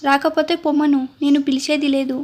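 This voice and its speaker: A woman's voice: sits high, level tone, a little fast, darkish tone, lightly acted. A woman voicing an irritable young husband who speaks curtly and dismissively. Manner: curt, dismissive.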